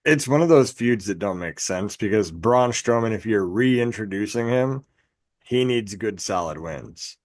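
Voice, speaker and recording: A man's voice: on the low side, lively intonation, unhurried, no room sound, clean studio sound. A man co-hosting a podcast in a casual chat, rambling, swearing and laughing at his own jokes. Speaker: podcast co-host.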